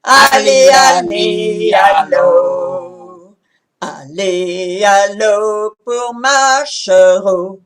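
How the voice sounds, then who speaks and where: A woman from Belgium. She speaks softly to introduce a folk song, then leads its call-and-response chorus over a video call. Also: medium pitch, expressive, very slow, faint music behind. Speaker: folk singer. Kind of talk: folk song performance at an online sing.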